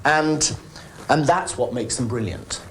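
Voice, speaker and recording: A man's voice: medium pitch, measured pace, a bit bright, faint music behind. A man in a documentary interview, talking about design work with enthusiasm and some restarts.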